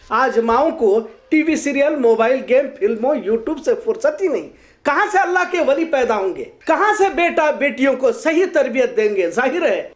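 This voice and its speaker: A woman presenting a local news program, reading a scripted commentary in an earnest, moralizing editorial tone. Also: sits high.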